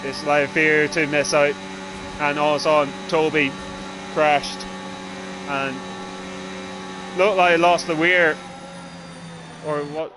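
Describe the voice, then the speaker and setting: A man's voice: a little high, flat delivery, slow, pauses often. A man doing live race commentary on a livestream of a sim racing event. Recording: clearly noisy, engine noise behind.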